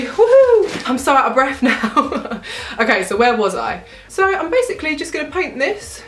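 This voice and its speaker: A woman's voice: mid-range voice, a bit bright, echoey room. A young woman vlogger chatting casually and cheerfully through a makeup tutorial, with giggly asides. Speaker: beauty vlogger.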